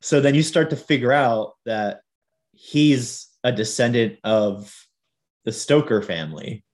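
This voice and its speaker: A man's voice: mid-range voice, a little slow, darkish tone. A man co-hosting a casual podcast about TV and film, chatty, laughing often and wandering into asides. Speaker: podcast co-host.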